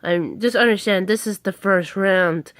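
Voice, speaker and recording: A woman's voice: medium pitch, measured pace, dry recording. A young woman chatting casually to her viewers, recorded as a phone video, rambling with many ums and stunned exclamations. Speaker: vlogger. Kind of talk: casual vlog chat.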